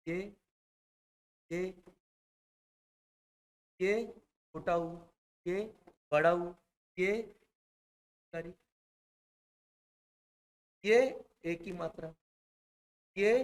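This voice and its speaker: A male teacher lectures slowly in a classroom, drawing out each word. He goes over every point more than once and keeps stopping to ask whether the class understands. His delivery is patient and drilling. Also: high-pitched. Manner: repeats each point and keeps checking that students follow. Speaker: Hindi exam-prep teacher.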